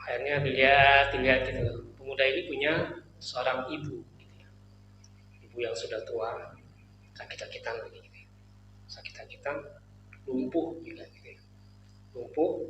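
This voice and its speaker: A man's voice: mid-range voice, fairly even intonation, moderate pace, pauses often, dull audio. A man preaching a sermon in a mosque, telling the story in a casual, joking way. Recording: echoey mosque hall with faint noise.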